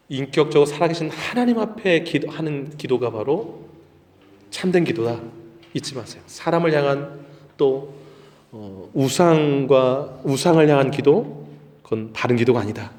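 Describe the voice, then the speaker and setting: A Korean man preaching a Sunday sermon as pastor, telling stories and acting out voices, rising loud for emphasis. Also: medium pitch. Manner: storytelling, acts out voices, rises loud for emphasis. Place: church sanctuary. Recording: echoey church hall.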